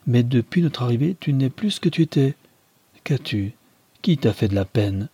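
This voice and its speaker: A man's voice: mid-range voice, animated, normal speed, dark tone, breathy edge, dry recording. A man reading a novel aloud, voicing an attentive young husband who questions and coaxes his wife. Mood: coaxing. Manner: questioning, coaxing.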